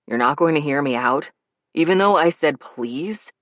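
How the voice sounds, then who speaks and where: Playful, persuasive grown man with a low, dry delivery and a wheedling streak, read by a woman narrator. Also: animated, fairly bright tone, no room sound. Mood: teasing. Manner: wheedling, good-humored, rushed when nervous. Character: charming playful adult man, teasing and persuasive.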